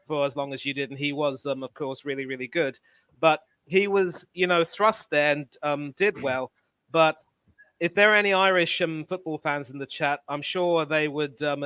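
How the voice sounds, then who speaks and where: A man's voice: a little high, pushed and bright, clean tone, no room sound. A man hosting a casual football discussion, opinionated and full of fillers. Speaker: podcast host.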